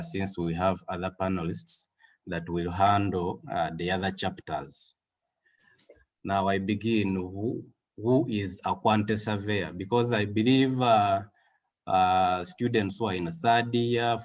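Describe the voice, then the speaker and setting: Ugandan man giving a webinar talk. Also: lowish voice. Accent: Ugandan English. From Western Uganda. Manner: measured, with frequent "uh" fillers. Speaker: guest speaker. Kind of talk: webinar presentation. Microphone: video call.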